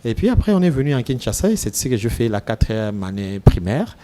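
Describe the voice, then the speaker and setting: Unhurried Congolese priest with a mellow voice. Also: male voice, mid-range voice, very animated. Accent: Congolese French. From Democratic Republic of the Congo. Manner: measured, hesitant, many pauses and fillers. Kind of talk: casual interview talk, mixing French and Lingala. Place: TV studio.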